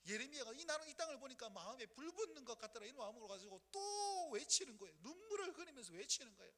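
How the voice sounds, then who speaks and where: Animated Gyeongsang pastor preaching. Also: male voice, very high-pitched, fast. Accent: Gyeongsang Korean. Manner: animated storytelling, acting out scenes. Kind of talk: sermon. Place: church sanctuary. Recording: echoey church hall.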